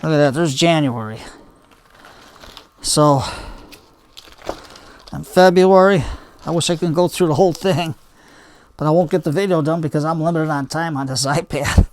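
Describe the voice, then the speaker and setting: A man's voice: fairly high pitch, normal speed, pauses often, darkish tone. An older man hosting a hobby gardening video, chatting casually in a homespun, rambling way as he demonstrates by hand. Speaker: bonsai hobby video host.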